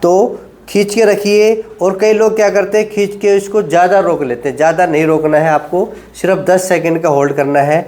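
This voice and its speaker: A middle-aged man teaching knee exercises as a yoga instructor, giving firm directions, repeating "ठीक है" and counting slowly through each hold. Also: high voice, fairly even intonation, a little mellow.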